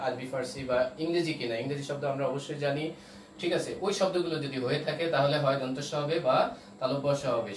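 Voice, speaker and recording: A man teaching an online class, explaining step by step and often checking that his students follow. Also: on the high side. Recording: roomy echo, voice from a distance, faint noise.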